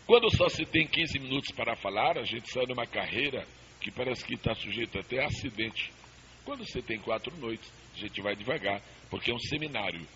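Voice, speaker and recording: A man's voice: medium pitch, expressive, fairly quick, fairly bright tone. A Brazilian man, a pastor teaching a Bible seminar to a congregation in an emphatic, repetitive sermon style, asking them to repeat and respond. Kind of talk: Pentecostal Bible-study sermon. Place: speaking to a church congregation. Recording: dull hissy old cassette tape.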